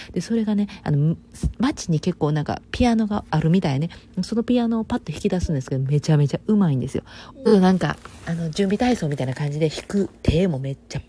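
A woman's voice: deep voice, dark tone, a little hiss or hum. A woman from Kobe with a Harima Kansai dialect, chatting casually and playfully to her viewers as a vlogger, rambling into asides. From Kobe, Hyogo, Japan. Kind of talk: casual solo chat to camera.

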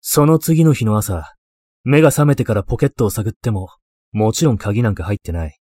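A man voicing an eccentric, obsessive male occult enthusiast in a ghost story, terse, low-key and matter-of-fact. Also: brisk, dark tone, dry recording, clean studio sound, lightly acted. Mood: wistful, matter-of-fact. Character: eccentric, obsessive male occult-loving mentor, deadpan and wistful.

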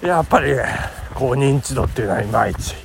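A man's voice: medium pitch, lively intonation, a little fast, vocal fry, noisy background. A man in his fifties hosting a casual solo talk show outdoors on a morning run. He speaks in a jokingly formal, chatty way. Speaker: podcast host.

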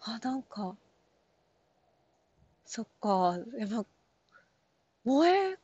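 High-voiced woman rambling into her phone. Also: sing-song, drawn-out words, mellow, husky, no echo, dull audio. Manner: rambling, full of fillers and self-questions. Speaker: app talk show host. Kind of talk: casual solo monologue.

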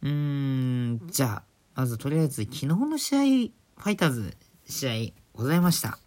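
Hushed man chatting on a solo talk show. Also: mid-range voice, expressive, moderate pace, slight background noise. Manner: chatty, filler-heavy, giggles at own jokes; hushed, holding back volume for a late recording. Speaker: podcast host. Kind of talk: casual solo radio talk. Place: indoors at night, keeping quiet.

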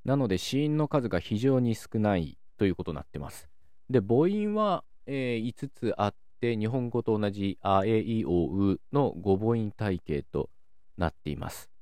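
Low-voiced male host, calm and lively in pitch, dry recording, for an educational monologue. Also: normal speed, no echo. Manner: calm, explanatory, lively intonation. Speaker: podcast host explaining linguistics. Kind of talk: calm solo educational talk.

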